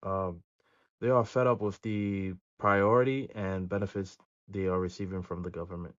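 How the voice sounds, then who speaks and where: A man with a fairly low voice hosts his own video channel. He reads figures and gives his views in a measured way, often pausing on fillers. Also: flat delivery, lo-fi sound. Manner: measured reading with frequent filler pauses. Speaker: video host. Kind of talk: reaction commentary, reading statistics.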